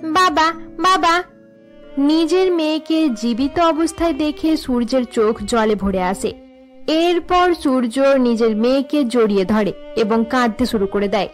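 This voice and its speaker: A woman narrating a cartoon story in an even, measured way. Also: high-pitched, faint music behind.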